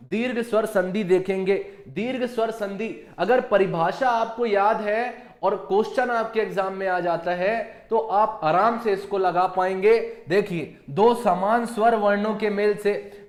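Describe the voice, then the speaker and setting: A male teacher with a Madhya Pradesh Hindi accent runs an exam-prep grammar lesson, throwing out questions and answering them himself. His voice sits high, and he keeps repeating key terms as he calls the students dear friends. The room around him is echoey. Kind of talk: online exam-prep lecture.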